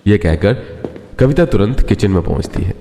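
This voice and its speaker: A man's voice: lowish voice, expressive, moderate pace. A man delivering scripted story narration as the narrator of a family tale. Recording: long reverb, faint background music.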